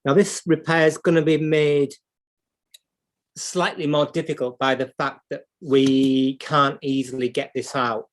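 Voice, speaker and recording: Working through an unscripted repair on camera, this British clock repair instructor and livestream host explains his moves and thinks out loud. His fairly high voice has a flat delivery and a measured pace.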